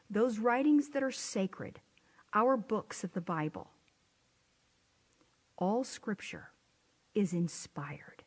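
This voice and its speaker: A woman delivers a sermon on Scripture, her voice a little high and breathy. Her pitch swings widely as she teaches. She lets key phrases fall to a near-whisper for emphasis. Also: darkish tone. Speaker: Bible teacher.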